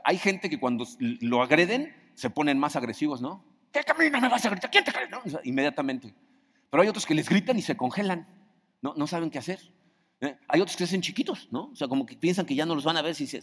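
A man preaching a sermon in a conversational way, often asking his audience questions. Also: mid-range voice. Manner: conversational, asks the audience questions, acts out quoted voices. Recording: long hall reverb.

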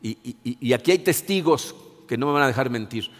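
A man's voice: medium pitch, animated, fairly quick. A middle-aged male pastor, giving an earnest, conversational sermon full of restarts and repeated words. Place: church. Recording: long hall reverb.

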